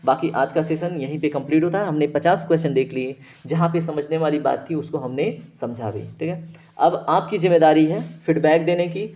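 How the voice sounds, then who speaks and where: A man's voice: on the high side, dark tone. A man teaching an online exam-prep lesson, explaining patiently and drawing out sounds to demonstrate them, with constant "right?" check-ins. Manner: explanatory, drawn-out vowel demonstrations, frequent "है ना" and "ठीक है" check-ins. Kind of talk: online lecture. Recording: dull lo-fi audio.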